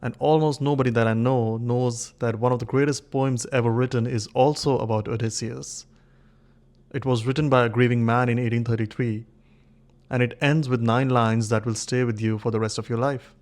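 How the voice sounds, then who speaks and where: A man giving an earnest scripted narration in a brisk, storytelling manner with clipped pauses. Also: mid-range voice, fairly even intonation, darkish tone. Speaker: video essay narrator.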